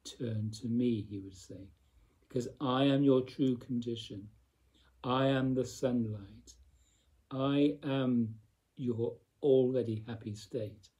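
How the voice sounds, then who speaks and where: A man giving a slow, reflective spiritual talk, speaking deliberately with long pauses and repeated phrases. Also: medium pitch, mellow, husky. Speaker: spiritual teacher.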